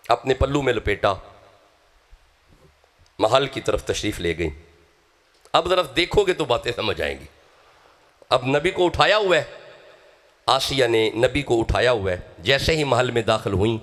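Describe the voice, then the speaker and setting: A man's voice: medium pitch, very animated, long pauses, a bit bright. A man from Pakistan with a Punjabi accent, preaching an emotional sermon, dramatic and urging his audience to respond.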